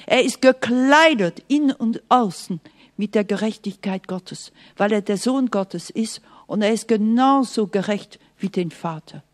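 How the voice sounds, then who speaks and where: A woman preaching a sermon in an earnest, emphatic way, sometimes dropping to soft, hushed asides and speaking straight to the listener. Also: mid-range voice, animated, unhurried. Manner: speaks directly to the listener, often asking "Okay?".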